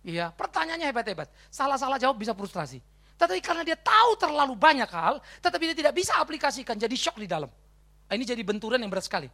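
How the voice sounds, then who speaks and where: Brisk, animated Batak-accented male preacher. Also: very high-pitched. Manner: animated storytelling, conversational asides; acts out dialogue in his story. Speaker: pastor. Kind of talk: sermon.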